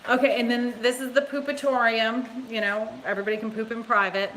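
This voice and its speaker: A woman's voice: a little high, fairly even intonation, brisk, a bit bright, in a large hall, slight background noise, poor audio. A woman from Massachusetts, a real estate agent, giving a casual, blunt and chatty live-streamed tour inside an empty new house. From Massachusetts, USA. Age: adult.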